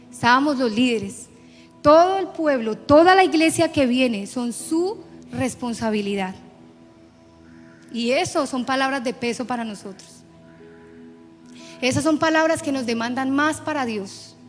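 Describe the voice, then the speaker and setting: High-voiced woman preaching in a reverberant church. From Colombia. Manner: emphatic preaching with personal testimony. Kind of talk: sermon. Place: church sanctuary. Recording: church hall reverb with faint music.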